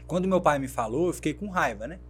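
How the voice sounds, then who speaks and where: A man's voice: fairly high pitch, fast, husky. A man from Brazil, a brand founder, telling his life story in an interview and acting out the voices of people in it. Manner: animated storyteller who acts out quoted dialogue. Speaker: guest, fashion brand founder.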